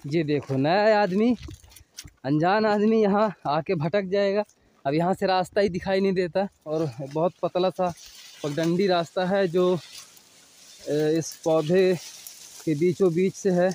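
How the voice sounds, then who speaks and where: High-voiced man vlogging on a forest hike. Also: unhurried, darkish tone, slight background noise. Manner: chatty, addressing viewers while hiking. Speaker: travel vlogger. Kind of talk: outdoor travel vlog. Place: outdoors in village and forest trail. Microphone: handheld phone at arm's length.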